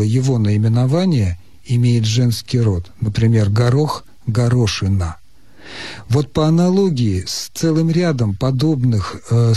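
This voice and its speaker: A man who is a language expert, explaining listeners' questions on a radio call-in show in a measured, precise, lecturing way. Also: medium pitch, dark tone, slightly rough, no room sound. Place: radio studio.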